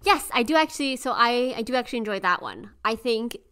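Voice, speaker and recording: A woman with a New Zealand accent co-hosting a podcast, chatting in a relaxed way and asking questions. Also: a little high, quick pace, smooth. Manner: relaxed, curious, asks questions. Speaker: podcast co-host. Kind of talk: casual chat.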